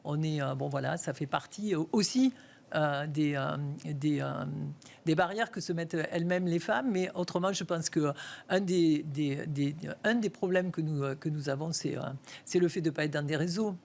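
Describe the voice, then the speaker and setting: A middle-aged woman with a sing-song Toulouse accent, answering interview questions as a bank executive and often halting to search for her words. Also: deep voice, gravelly, a little mellow. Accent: southwestern French, Toulouse. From Toulouse, France.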